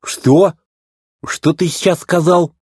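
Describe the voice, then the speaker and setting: A man's voice: fairly high pitch, fairly even intonation, takes it slowly, a little mellow, breathy edge, no echo, clean studio sound, voice pushed up. A man doing a chatty folksy old tow truck. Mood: puzzled. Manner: folksy, rambling and boastful.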